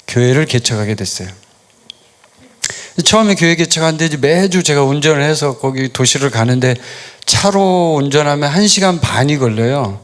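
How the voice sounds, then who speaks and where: Male pastor, middle-aged, casual storytelling sermon, asks and answers himself, mid-pitched voice. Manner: storytelling, conversational, asks and answers his own questions. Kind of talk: sermon with personal stories.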